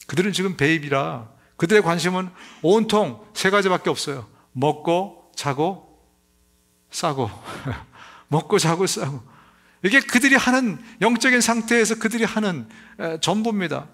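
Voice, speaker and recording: A middle-aged man preaching a sermon in a notably high voice. He speaks with emphatic, rising force and raises his voice further when he acts out crying babies. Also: expressive, unhurried, fairly bright tone. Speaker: pastor.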